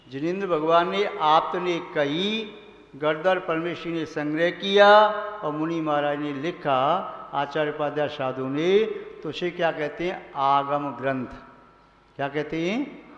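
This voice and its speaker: Slow-preaching monk in an echoey hall. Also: male voice, on the high side, fairly bright tone. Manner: slow, measured preaching with rhetorical questions. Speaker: Jain monk. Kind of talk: sermon. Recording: echoey hall, dull lo-fi sound.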